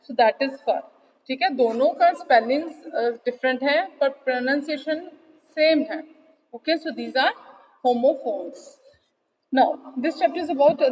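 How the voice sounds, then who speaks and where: An Indian woman teaching an online class in a high, bright voice, talking in an unhurried way. She mixes Hindi and English and keeps checking that her pupils follow her. Her voice rings with a long reverb, as though she is in a bare room.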